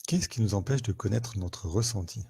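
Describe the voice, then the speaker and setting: A man's voice: lowish voice, moderate pace, vocal fry, mellow, husky. A French man, a therapist, hosting a live online talk to viewers, conversational and full of questions and fillers, on a headset mic.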